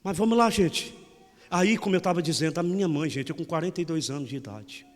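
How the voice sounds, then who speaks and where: A man's voice: fairly high pitch, a little fast, faint music behind. Brief: Brazilian priest in his forties, raised voice, playful preacher, church reverb. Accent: Brazilian Portuguese. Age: 40s. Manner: folksy, teasing, keeps saying "meu irmão". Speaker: parish priest. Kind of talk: lively humorous homily.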